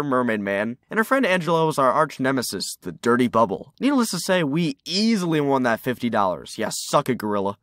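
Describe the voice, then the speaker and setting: A man's voice: mid-range voice, fairly bright tone, no echo. A young man telling stories in a casual, wry, self-mocking way, recorded close in a small closet on a USB microphone. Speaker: animated storytime video creator. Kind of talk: casual comedic storytelling narration. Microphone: USB desktop microphone.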